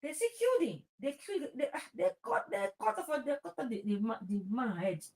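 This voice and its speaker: A Nigerian-accented talk show host speaks a little fast in a high, slightly mellow voice with huge pitch swings. Her political talk is informal and impassioned; she pushes her opinions emphatically, repeats phrases and drops into Pidgin.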